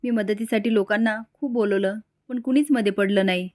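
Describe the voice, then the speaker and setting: A woman's voice: medium pitch, fairly even intonation, a little fast, darkish tone, lightly acted. A woman voicing a frightened, tearful young wife who pleads fearfully.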